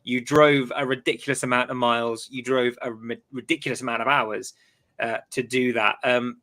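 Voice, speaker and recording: Hosting a casual fan podcast on a live-stream, a man keeps the chat loose and often repeats words along the way. His mid-range voice has a sharp tone, a level delivery, and a moderate pace.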